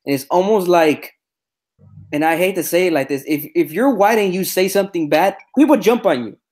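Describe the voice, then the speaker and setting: A man's voice: sits high, a little fast, a little mellow. Rambling man with a Mexican Spanish accent. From United States. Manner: rambling, restarts often. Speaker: host. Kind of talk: casual panel chat.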